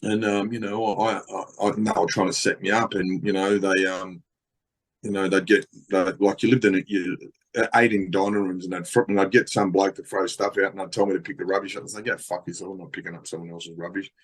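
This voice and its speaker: A man's voice: low voice, level tone, fairly quick. A middle-aged Australian man telling stories as a podcast guest, rambling, swearing a lot, with many fillers. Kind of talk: casual storytelling.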